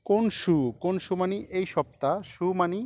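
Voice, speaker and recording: A man teaching Japanese kanji in a lesson, repeating each word and its meaning slowly for learners. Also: high voice, a little mellow. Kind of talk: kanji lesson explained in Bengali.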